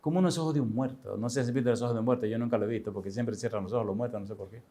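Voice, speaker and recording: A pastor in his sixties telling a personal story in a sermon, with animated, chatty delivery and frequent laughs. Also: medium pitch, very fast. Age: 60s.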